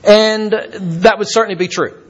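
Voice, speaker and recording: Older preacher, muffled recording. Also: male voice, sits high, steady tone. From Kentucky. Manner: halting, repeats words with many fillers. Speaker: visiting preacher. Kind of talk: sermon.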